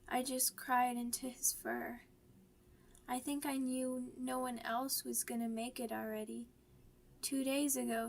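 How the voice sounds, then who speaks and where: A woman voices a timid, vulnerable werewolf pup in mourning for an ASMR roleplay, speaking in a childlike, stammering, halting way with a slightly high voice. A little hiss or hum can be heard.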